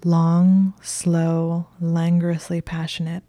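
A woman reading a story aloud in a steady, unhurried narration. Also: fairly low pitch, dry recording, clean studio sound. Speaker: reader of fan fiction.

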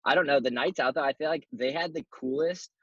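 Laughy slangy guy on a podcast, husky, kinda lo-fi sound. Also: on the high side, fast talker, fairly bright tone, no echo. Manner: jokey, laughs a lot, slangy. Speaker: guest, former soccer player. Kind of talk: casual podcast chat. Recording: dull lo-fi recording.

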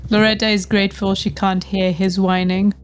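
A woman playing a tabletop role-playing game, speaking in a dry, unhurried way. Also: medium pitch, level tone, faint music behind. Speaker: player.

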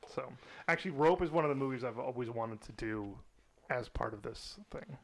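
A man's voice: medium pitch, moderate pace, vocal fry. A man co-hosting a casual film podcast, chatty and laughing often as he quizzes his co-host.

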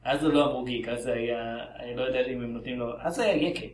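Guy from israel co-hosting a movie podcast, jokey and animated, mid-pitch voice, roomy echo. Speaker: podcast co-host. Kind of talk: casual podcast chat about films.

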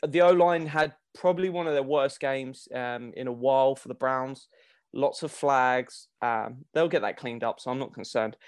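A man's voice: mid-range voice, no echo, studio quality. A man giving casual sports analysis as a podcast co-host, thinking aloud and restarting his phrases.

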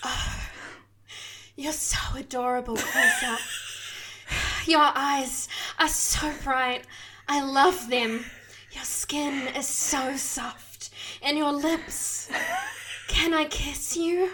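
A woman voicing a doting, seductive female snake-woman monster in an improvised audio role-play, speaking breathily and slowly. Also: sits high, fairly even intonation, heavy background noise. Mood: breathy. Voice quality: breathy, soft and adoring. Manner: slow, lingering and affectionate.

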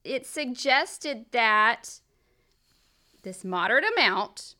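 A woman's voice: a little high, lively intonation, slow pace, bright, forceful tone. A woman with a Southern US accent co-hosting a casual health podcast, adding friendly comments and summing up points. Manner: adds friendly comments and summaries. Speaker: podcast co-host.

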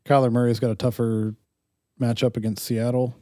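A man's voice: mid-range voice, little pitch movement, moderate pace, warm tone, no room sound, studio quality. A man hosting a casual fantasy football chat, laid-back and hesitant, full of fillers, who has been coughing. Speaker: fantasy football league podcast host.

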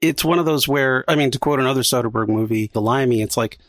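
Chatty male co-host, easygoing movie chat, mid pitch, dry sound. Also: fast talker, fairly bright tone, dry recording. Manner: chatty, laughs often, repeats words when thinking. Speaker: podcast co-host. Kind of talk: casual film discussion.

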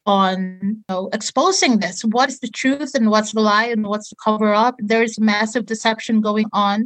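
A woman's voice: medium pitch, dry recording, low-quality recording. A woman hosting a podcast, introducing her guest in an earnest, emphatic way. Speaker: podcast host.

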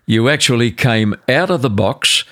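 An older man with an Australian accent, hosting an interview in a measured, articulate broadcaster's style. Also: medium pitch, lively intonation, fairly bright tone, dry recording, studio quality. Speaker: podcast host, interviewer. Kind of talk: polished scripted introduction and interview.

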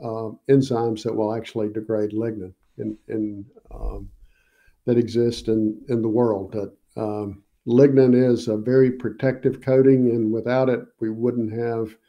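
A man's voice: medium pitch, flat delivery, a little slow, dull audio. A man being interviewed as a guest researcher, explaining patiently with many hesitations and fillers. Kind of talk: casual interview.

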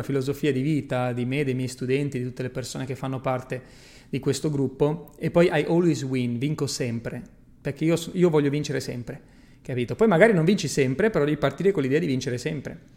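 A man's voice: mid-range voice, a little mellow. A man talking casually to his livestream viewers as a personal growth coach, emphatic and blunt, swearing freely and often checking that they follow him. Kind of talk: casual livestream talk reading viewer comments.

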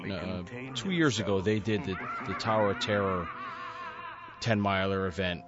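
A man's voice: low voice, moderate pace. A man hosting a podcast in casual chat, giving short encouraging replies and laughing easily. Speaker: podcast host. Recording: dull lo-fi audio with crowd noise.

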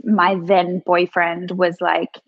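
A woman in her twenties with an Australian accent, a podcast guest telling her story in a casual, relaxed way. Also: lowish voice, takes it slowly, dry recording, muffled recording. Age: 20s. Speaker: guest, content creator. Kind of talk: remote podcast interview.

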